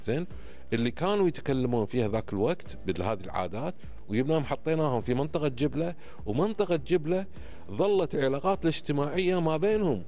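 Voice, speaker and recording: A man in his fifties, accent Kuwaiti Gulf Arabic, guests on a podcast and explains emphatically in a teacherly way, regularly making sure he's followed. His voice is on the high side, animated and quick, with a darkish tone. Faint music sits behind him, and he's miked closely on a boom arm in an indoor studio.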